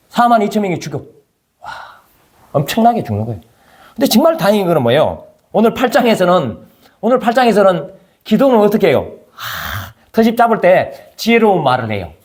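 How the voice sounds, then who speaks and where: A man's voice: sits high, wildly swooping pitch, brisk, long pauses. A male pastor preaching a conversational sermon, firing rhetorical questions at his congregation.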